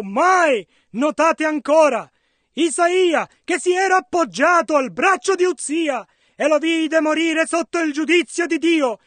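A man interpreting a sermon into Italian, echoing the preacher's dramatic rises and shouts. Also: extremely high pitch. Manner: echoes the preacher's dramatic delivery.

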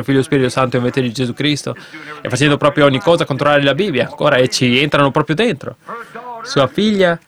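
A man preaching a sermon, emphatic, with many rhetorical questions to the congregation, swinging between raised bursts and low asides. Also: a bit bright.

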